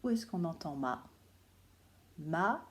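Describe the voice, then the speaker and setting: Brief: female schoolteacher from France, patient and clear, says words slowly for young pupils. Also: medium pitch, lively intonation, mellow. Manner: slow, clear, repeats words syllable by syllable. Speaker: primary school teacher. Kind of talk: recorded remote phonics lesson for children.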